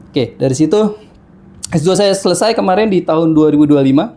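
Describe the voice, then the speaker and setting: Here the Indonesian guest from Jakarta, a man in his thirties, talks fast in a slightly high, dark-toned voice, chatting casually about his life story on a podcast with plenty of fillers and restarts; the recording has faint background noise.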